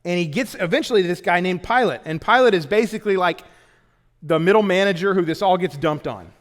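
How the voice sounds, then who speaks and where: A man preaching a sermon in a conversational, joking way, with sudden loud bursts. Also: high-pitched, fast, long reverb tail. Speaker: pastor. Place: church auditorium.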